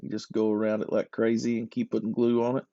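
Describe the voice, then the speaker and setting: A man's voice: on the low side, completely flat delivery, quick pace, creaky, warm tone, no room sound. A man talking through a lure-carving tutorial in a casual, self-deprecating, joking way, recorded with slightly dull lo-fi audio. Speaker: hobby lure carver.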